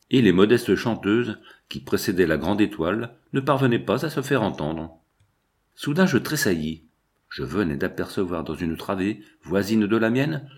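A man reading a novel aloud in first person, with measured, expressive storytelling. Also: deep voice. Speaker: audiobook narrator.

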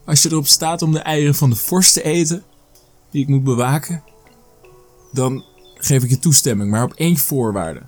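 A man's voice: medium pitch, darkish tone, soft background music, pitched above the performer's own voice, lightly acted. A man voicing a clever small male mouse deer trickster, cunning and pleading, in a storybook reading. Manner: pleading, cunning and quick-witted.

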